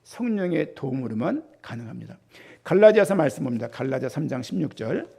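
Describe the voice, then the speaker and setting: Man, pastor, sermon, husky, sweeping pitch, rhetorical questions. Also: fast talker. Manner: animated preaching with rhetorical questions to the congregation.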